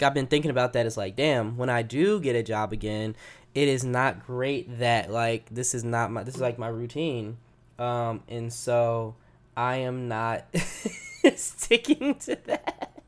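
A young man hosting a casual solo podcast, slightly hoarse, rambling with lots of fillers and frequent laughs. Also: mid-range voice. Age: young adult. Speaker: podcast host.

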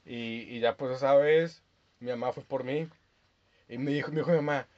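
A young man with a Mexican accent, co-hosting a podcast in casual chat, often halting and repeating words while recalling things. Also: mid-range voice, steady tone, a little mellow. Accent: Mexican Spanish. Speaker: podcast co-host. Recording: dull lo-fi with faint hiss.

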